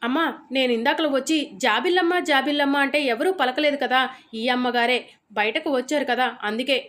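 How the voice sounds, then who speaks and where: Woman reading a polite, humble old clerk, high voice. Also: brisk, a bit bright. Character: older male estate clerk, humble and apologetic.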